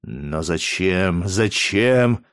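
A man's voice: low voice, lively intonation, extremely slow, fairly bright tone, clean tone, dry recording, clean studio sound, heavily acted. A man voicing a lovesick young gladiator. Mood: desperate. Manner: impassioned, breathless outpouring.

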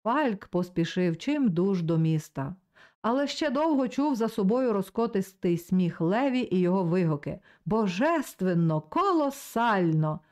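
A woman reading a novel aloud as narrator, measured and expressive. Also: mid-range voice. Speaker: audiobook reader. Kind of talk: scripted narration.

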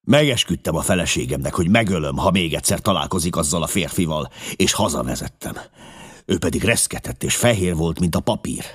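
Brief: a man with a deep voice and lively intonation, giving a dramatic audiobook reading. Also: slightly rough. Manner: expressive, emotional, with sudden drops to a hush. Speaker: audiobook narrator.

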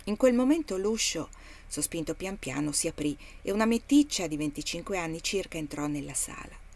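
Lady reading an old novel out loud, lowish voice, measured and expressive. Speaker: reader of a novel. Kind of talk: audiobook reading.

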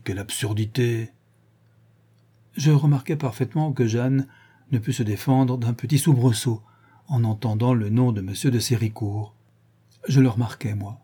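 A man's voice: mid-range voice, normal speed, mellow, husky, lightly acted. A man reading the part of Gaston, a dead husband pressing his claim in a nostalgic, insistent way. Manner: insistent, nostalgic, self-righteous. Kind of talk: audiobook character reading.

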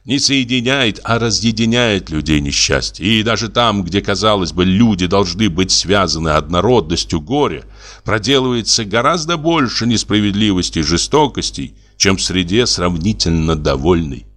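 A man narrating a classic short story as an audiobook, in a measured, deliberate reading. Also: low-pitched, animated, a bit bright. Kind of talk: scripted literary narration.

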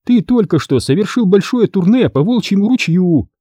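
A bubbly middle-aged aunt, as a male reader puts her on, with a high, swooping voice. She exclaims and fusses over everyone. The tone is mellow and a little husky. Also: lively intonation, moderate pace, no echo, studio quality. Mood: lively. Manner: exclaiming, scolding. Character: cheerful middle-aged aunt, fussy and warm.

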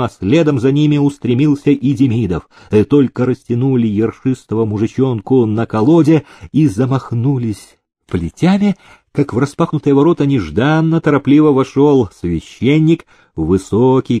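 A man narrating a story in a measured, dramatic reading. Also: medium pitch, dark tone, no room sound. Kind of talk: audiobook reading.

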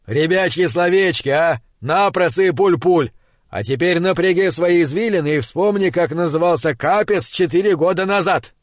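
A man's voice: high voice, moderate pace, no echo, clean studio sound, voice pushed up, close to an everyday voice. A man reading a bossy, impatient spaceship captain. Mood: shouting. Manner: impatient, shouting when pressed. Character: exasperated male spaceship captain, shrewd and bossy.

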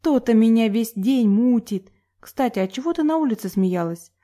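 A woman's voice: on the high side, expressive, moderate pace, warm tone, pitched above the performer's own voice, close to an everyday voice. A woman reading an audiobook, voicing a chatty, cheerful young woman roommate who pouts easily.

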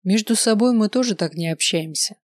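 A woman voicing a calm, commanding male otherworldly creature who speaks slowly in flat, even tones. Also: mid-range voice, no echo, clean studio sound, close to an everyday voice.

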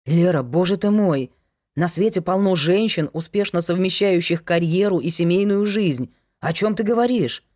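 A woman's voice: on the low side, normal speed, mellow, close to an everyday voice. A woman voicing a young man, an eager fiancé who turns anxious, in an audiobook. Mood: pleading.

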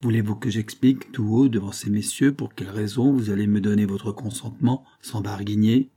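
A man reading as a gruff old peasant. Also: fairly low pitch, steady tone, fairly quick, dark tone. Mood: ironic. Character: old bearded peasant man, blunt and ironic.

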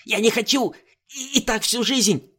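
A man reading an audiobook voices a frail, confused old male professor with a high, croaking voice. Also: unhurried, a bit bright, full character voice. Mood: fearful.

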